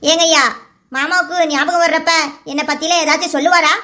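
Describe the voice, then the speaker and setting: A woman's voice: high-pitched, fairly even intonation, fairly quick, sharp tone. A woman voicing a timid young village girl in a cartoon serial, who asks pleading questions in a sing-song voice. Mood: earnest. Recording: music bed under voice.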